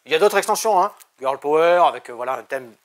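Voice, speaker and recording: A man's voice: a little high, animated, fast. A man presenting board games in a shop, chatty and jokey, with many fillers. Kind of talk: casual game presentation.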